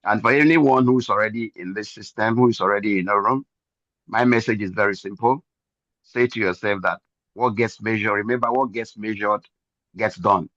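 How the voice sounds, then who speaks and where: A man's voice: on the low side, moderate pace, a bit bright, no echo, dull audio. An older man giving an earnest, preachy testimony and repeating phrases for emphasis. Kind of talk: motivational testimony.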